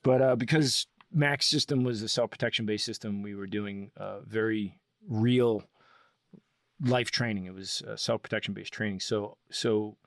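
Male guest, lower register, casual storyteller, eager and rambling, dry close sound. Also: moderate pace, gravelly, no echo. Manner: enthusiastic, rambling explanations with frequent restarts.

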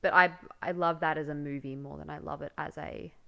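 A woman's voice: low-pitched, fairly even intonation, fairly quick, gravelly, pushed and bright, lo-fi sound. A young woman co-hosting a podcast in casual chat, gushing and effusive with frequent fillers. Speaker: podcast co-host.

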